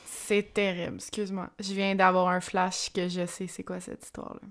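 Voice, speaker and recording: A woman's voice: lowish voice, moderate pace. Reactive Québécois woman co-host. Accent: Québécois French. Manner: reactive, expressive interjections. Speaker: podcast co-host. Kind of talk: casual chat.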